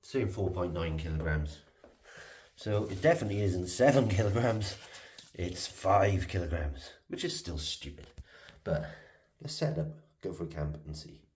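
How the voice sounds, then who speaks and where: A man's voice: low-pitched, lively intonation, normal speed, a little mellow, husky. Chatty man vlogging outdoors. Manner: chatty, self-mocking, talks to camera while working. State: out of breath. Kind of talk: casual camping vlog. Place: outdoors in the woods.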